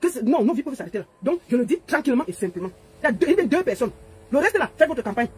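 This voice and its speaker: A woman's voice: sits high, very animated, racing, a little mellow, slight background noise. A woman giving an emphatic, repetitive political monologue to viewers. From Cameroon. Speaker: political commentator. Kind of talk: monologue to camera.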